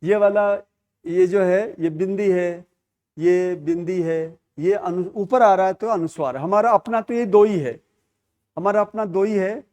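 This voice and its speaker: In this classroom lecture, a middle-aged man leads a Hindi grammar lesson, his voice high, a little mellow and slightly slow. He works through the points by repeating key terms as questions and answers.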